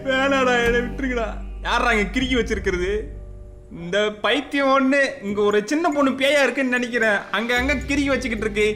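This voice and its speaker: With game music running in the background, this man hosts a let's-play of a horror game for his gaming channel, panicking and telling off the ghosts as he goes. His pitch is extremely high, his tone sharp, and he talks fast.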